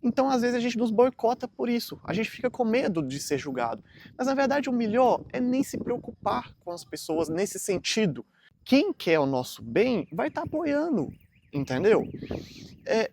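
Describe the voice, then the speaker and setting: A man's voice: very high-pitched, darkish tone, a little hiss or hum. A man, talking casually and earnestly to camera in a rambling motivational vlog full of fillers. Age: 30s. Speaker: vlogger.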